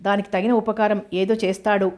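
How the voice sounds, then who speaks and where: A woman's voice: medium pitch, little pitch movement, brisk, a little mellow, natural voice. A woman voicing a scheming middle-aged uncle who brushes off blame in a dismissive manner.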